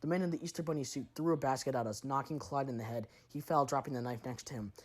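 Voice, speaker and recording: A man's voice: mid-range voice, quick pace. A man narrating a first-person horror story in a tense, dramatic way.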